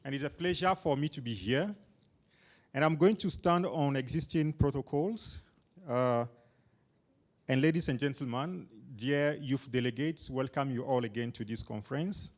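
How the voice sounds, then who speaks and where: A youth official giving a formal conference address, measured with a touch of humor. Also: male voice, mid-range voice.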